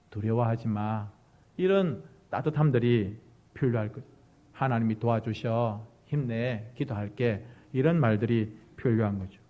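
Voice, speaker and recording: A man, preaching a sermon in a church and acting out harsh and gentle quoted lines. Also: medium pitch. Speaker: pastor. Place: church sanctuary.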